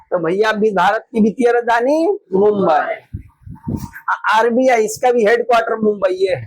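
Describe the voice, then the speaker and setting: A man with a very high voice teaches in a Bihari Hindi accent. He quizzes his students loudly and hammers each answer home by repeating it over and over. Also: moderate pace, no room sound, poor audio. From Bihar, India. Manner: loud, repetitive quizzing that drills students with call-and-response. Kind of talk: classroom exam drill lesson.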